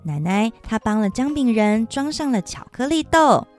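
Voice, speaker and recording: A woman's voice: fairly high pitch, sing-song, normal speed, faint music behind. A woman hosting a children's story podcast, reading a picture book aloud in a sing-song manner addressed to kids. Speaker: storytelling mother, podcast host.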